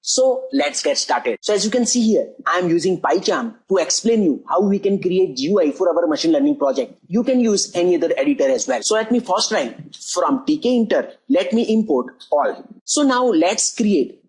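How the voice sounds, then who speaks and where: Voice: mid-range voice, expressive, moderate pace, a little mellow, slightly rough, low-quality recording. A coding tutor talking through a screen-recorded programming lesson step by step, often repeating "as you can see over here".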